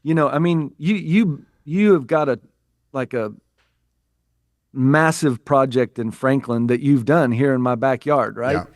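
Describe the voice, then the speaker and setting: Speaking a little slowly at a medium pitch, this U.S. business coach talks thoughtfully and sincerely as a podcast interview guest, circling back with restarts and repeated phrases. The audio is dry and cleanly studio-recorded.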